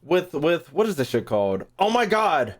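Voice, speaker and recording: Very animated, with a voice on the high side at normal speed, a streamer gives casual reactions to his live chat during gameplay. He leans on slang, swears freely and repeats phrases while thinking out loud.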